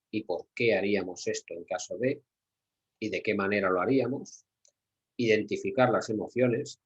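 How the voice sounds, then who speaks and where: Teaching a group of security staff, this middle-aged man from Spain leans on repeated key words and rhetorical questions, his Spanish accent clear. The recording is muffled, and his voice sits lowish with a husky edge.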